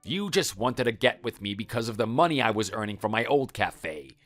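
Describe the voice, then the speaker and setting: A man voicing a bitter, yelling cafe owner. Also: lowish voice, very animated, normal speed, soft background music. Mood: angry. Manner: accusing, yelling. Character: bitter shouting middle-aged male cafe owner.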